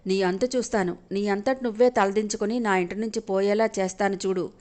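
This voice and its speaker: A woman's voice: mid-range voice, steady tone, a little fast, darkish tone, lightly acted. A woman voicing an arrogant mother-in-law who scolds with contempt and makes threats, in an audio story. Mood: contemptuous.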